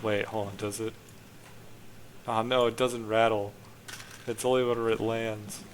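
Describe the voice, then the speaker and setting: A man's voice: lowish voice, flat delivery, moderate pace. A man streaming a horror game, chatting casually and joking with fillers and restarts. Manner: rambling, jokey, filler-heavy. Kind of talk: casual gaming commentary. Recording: noisy stream audio.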